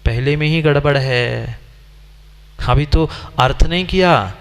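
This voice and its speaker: A man's voice: mid-range voice, slow, gravelly. A man, a Jain monk, giving a sermon who questions and scolds his listeners as he teaches. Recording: long hall reverb.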